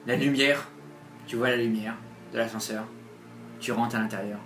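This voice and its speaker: A man's voice: mid-range voice, fairly even intonation, a bit bright. A man narrating a horror tabletop game as game master, hesitating with many fillers. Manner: halting, filler-heavy narration. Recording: roomy echo, faint music.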